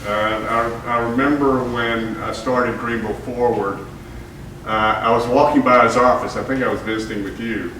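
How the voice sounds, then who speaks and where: A man lectures to an audience at a mid-range pitch, his voice carrying through a very echoey hall from a distance. He starts out halting, full of fillers and restarts, then settles into reading prepared remarks. A faint hiss sits under the room sound. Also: sharp tone. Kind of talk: public history lecture.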